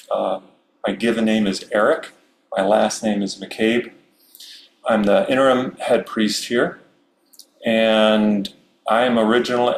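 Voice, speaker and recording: Middle-aged man giving an easygoing Zen talk. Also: on the low side. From Maryland, USA. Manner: warm, unhurried, chuckles often, many fillers. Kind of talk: relaxed Dharma talk with audience Q&A. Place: meditation hall. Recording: roomy hall with faint hum.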